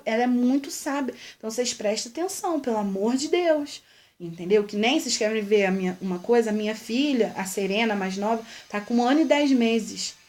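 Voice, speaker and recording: A woman's voice: fairly high pitch, a little mellow. Earnest young Brazilian woman pleading. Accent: Brazilian Portuguese. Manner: earnest, repetitive, pleading directly with mothers. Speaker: vlogger. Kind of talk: heartfelt direct-to-camera talk.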